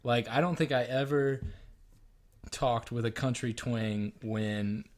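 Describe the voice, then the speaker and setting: A man's voice: medium pitch, fairly even intonation, slow. A man, co-hosting a casual podcast and telling rambling stories with casual swearing. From Missouri, USA. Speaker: podcast co-host. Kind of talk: casual chat.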